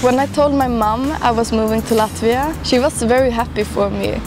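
A young woman from southern Sweden talking casually outdoors, relaxed and full of fillers. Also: fairly high pitch, normal speed. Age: young adult. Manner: relaxed, fillers like 'like' and 'uh'. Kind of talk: casual testimonial talk. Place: outdoors on a city square in winter. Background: music.

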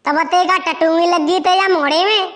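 Woman doing a squeaky, quarrelsome cartoon villager. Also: steady tone, fairly bright tone, big-room sound. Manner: rapid, squeaky, abusive rustic banter. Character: crude, quarrelsome rustic village man. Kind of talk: cartoon comedy voice acting.

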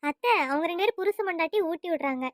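A woman's voice: extremely high pitch, quick pace, no echo, clean studio sound. A woman voicing a polite, apologetic young wife in a family cartoon. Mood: pleading. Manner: soft, apologetic, deferential. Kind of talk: cartoon voice acting.

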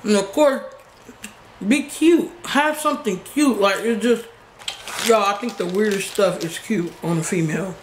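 A young adult YouTuber host answers questions in a blunt, slangy, chatty way, speaking at a measured pace in a medium-pitched voice. It's recorded indoors in a small living room, with a roomy sound and background noise.

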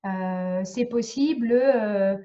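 A woman's voice: medium pitch, extremely slow, mellow, lo-fi sound. A woman from France teaching French in a live online lesson, explaining patiently and checking often that students follow. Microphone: video call.

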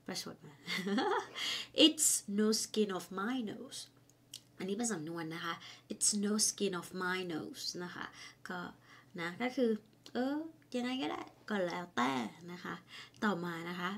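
A woman teaching an online English lesson. She explains in a chatty, friendly way with soft, polite sentence endings, and repeats each English phrase several times. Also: fairly low pitch, slow pace, vocal fry.

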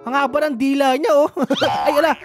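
A woman's voice: high voice, steady tone, a little fast, music in the background. A woman giving playful gaming commentary, joking and giggling as she talks to the characters on screen. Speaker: gaming YouTuber.

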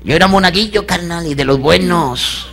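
A man's voice: a little high, normal speed, creaky, a bit bright. A man playing a streetwise, joking Mexican guy who peppers every line with slang, in a church comedy sketch.

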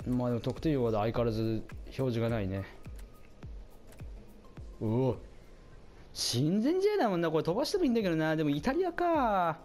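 A man doing casual commentary over a football video game, chatting to his viewers and reacting out loud to the plays, his voice getting hoarse. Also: fairly high pitch, very animated, a little fast, pauses often, faint music behind. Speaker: gameplay commentator.

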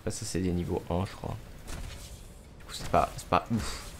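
A man's voice: sits low, fairly even intonation, moderate pace, noisy background. A man, giving casual commentary on a gaming livestream. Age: 20s. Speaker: game streamer. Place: small room at home. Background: music.

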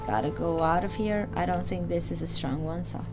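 A woman streamer giving casual let's-play reaction commentary, excitable and quick to swear and talk back to the enemies on screen. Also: lowish voice. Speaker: gaming streamer. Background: game music.

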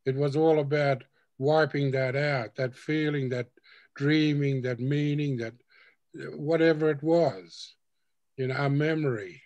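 An older man speaking slowly and reflectively on a video call from a room at home, a panelist in a discussion. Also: on the high side, a little mellow, dry recording, lo-fi sound. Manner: slow, reflective speech with repeated phrases. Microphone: video call webcam.

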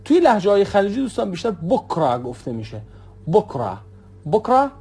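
A man with an Iranian Persian accent teaching Arabic dialect words, repeating each word slowly and calling the viewers his friends. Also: high voice, sing-song, creaky, a little mellow, slightly rough. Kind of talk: vocabulary lesson with repetition.

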